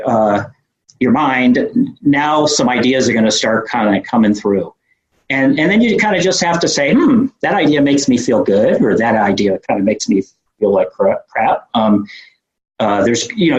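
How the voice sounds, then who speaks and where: A man's voice: medium pitch, reverberant, rough recording. A man with a New York accent, a podcast guest talking in a rambling, casual way, full of fillers and restarts. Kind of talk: casual interview conversation.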